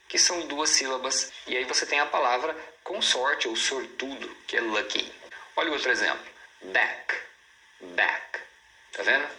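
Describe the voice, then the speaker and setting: Bright-voiced man teaching pronunciation. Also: medium pitch, roomy sound, low-quality recording. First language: Portuguese. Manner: friendly, patient, repeats model words slowly. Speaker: English teacher. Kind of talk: casual spoken lesson.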